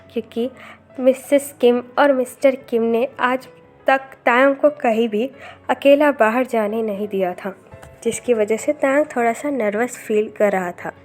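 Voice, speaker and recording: A woman narrating a fan story aloud in steady storytelling. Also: a little high.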